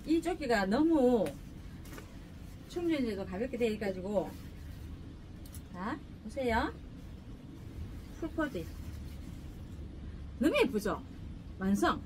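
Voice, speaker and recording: A middle-aged woman, a clothing shop owner giving a chatty, joking sales pitch in her shop. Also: big pitch swings, slow pace, long pauses, darkish tone. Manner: chatty, joking, pushy seller. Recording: distant mic, faint room noise.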